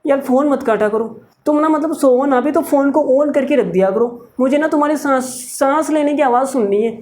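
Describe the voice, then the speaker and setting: A man's voice: extremely high pitch, a little fast, darkish tone. A man playing a clingy young man in love who begs, over and over, not to be hung up on. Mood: desperate. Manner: pleading, repetitive.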